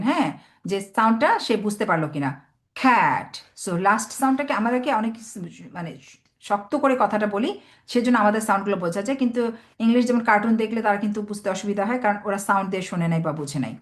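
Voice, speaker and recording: Woman teaching parents in a webinar. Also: mid-range voice. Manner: patient, explains step by step, sounds out words slowly.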